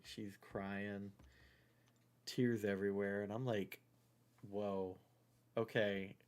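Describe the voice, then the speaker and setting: A middle-aged man with a fairly low voice chats into his headset while he plays a game live. He rambles through a story in a loose, friendly way and keeps checking in with "right?" and "you know?". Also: darkish tone. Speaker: gaming livestreamer.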